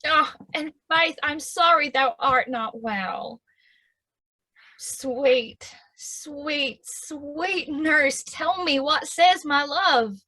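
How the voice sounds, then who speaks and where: A woman's voice: sits high, drawn-out words, pushed and bright, full character voice. An actress playing an impatient young girl in love with a Southern US accent, pleading eagerly in verse. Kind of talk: stage acting of verse drama.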